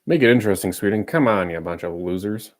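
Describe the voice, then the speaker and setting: A man's voice: fairly low pitch, lively intonation, fast talker. A man streaming a live watch-along of a hockey game, calling the play and bantering with viewers in a teasing, casual way. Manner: chatty, teasing, jumps between play-by-play and banter.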